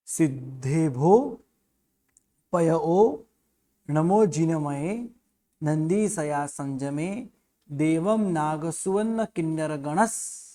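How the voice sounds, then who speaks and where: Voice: medium pitch, warm tone. A religious studies teacher giving a recitation lesson at home, patiently correcting pronunciation syllable by syllable and sometimes chanting the verses in a melody. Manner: patient, repeats each syllable until it is right.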